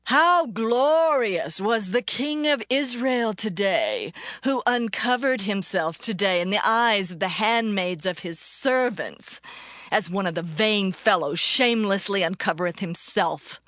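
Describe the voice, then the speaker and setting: A woman's voice: mid-range voice, expressive, unhurried, a bit bright, no echo. Michal, a king's daughter, speaks with cutting contempt. Her mid-range voice sounds close and dry, with no room around it. She delivers her lines as mocking reproach in this audio drama. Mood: scornful. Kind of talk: dramatized scripture reading.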